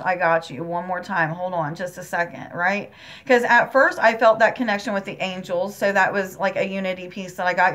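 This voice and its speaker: A woman's voice: medium pitch, a bit bright. A woman talking directly to her viewers about a spiritual experience, earnest and emotional, rambling and repeating herself, calling them guys. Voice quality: emotional, near tears at times, earnest. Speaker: spiritual channel host. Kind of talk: personal spiritual talk to viewers.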